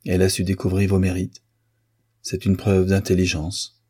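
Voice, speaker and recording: A man reading an audiobook, voicing a worldly, ironic princess who coaxes and gently mocks a young artist. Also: low-pitched, monotone, moderate pace, breathy edge. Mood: mocking.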